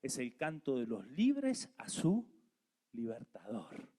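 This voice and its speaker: A man preaching a sermon as pastor, animated, asking the congregation to repeat after him. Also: medium pitch, slow pace.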